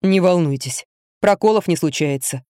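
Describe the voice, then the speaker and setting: A woman voicing a calm, blunt young male fitness trainer who speaks curtly and matter-of-factly. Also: fairly low pitch, normal speed, no room sound, studio quality, lightly acted. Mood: cool. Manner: cool, curt, matter-of-fact.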